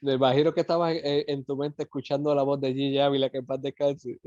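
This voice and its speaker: Animated Puerto Rican man, dull dry sound. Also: medium pitch, quick pace, no echo. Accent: Puerto Rican Spanish. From Puerto Rico. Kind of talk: explanatory talk.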